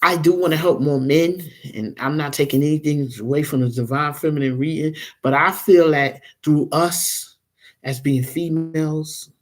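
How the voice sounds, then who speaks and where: A woman's voice: low-pitched, steady tone, moderate pace. A woman in her forties, a tarot reader chatting casually and rambling to her livestream viewers. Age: 40s.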